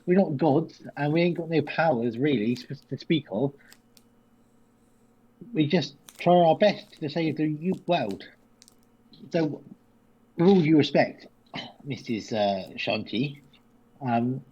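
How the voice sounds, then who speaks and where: Husky, rambling British everyman adventurer, played by a man. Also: fairly high pitch, darkish tone, muffled recording. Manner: rambling, apologetic, polite. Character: humble, awkward, plain-spoken mortal adventurer man. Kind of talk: tabletop role-play.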